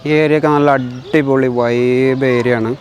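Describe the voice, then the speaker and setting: A man's voice: mid-range voice, steady tone, a little slow, a little mellow. A Malayali man giving casual vlog commentary outdoors, slipping English words into his Malayalam as he talks. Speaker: vlog host. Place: outdoors in a zoo park. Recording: clear outdoor ambient noise, birds.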